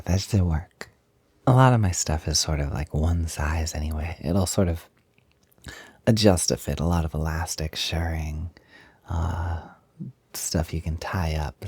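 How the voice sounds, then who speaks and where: In an intimate, seemingly improvised audio roleplay, a young man voices a feminine, playful, eager male roommate, talking to an unheard partner. His voice is lowish, dark and slightly rough with no room sound, and his chatty, coaxing lines come out hesitantly.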